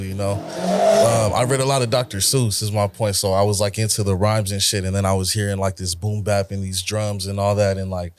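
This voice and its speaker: A young man from the Los Angeles area, a rapper, telling stories in a relaxed, slangy, profane way in a casual interview. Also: sits low, dry recording, clean studio sound. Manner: laid-back, slangy, profane storytelling. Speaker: rapper guest.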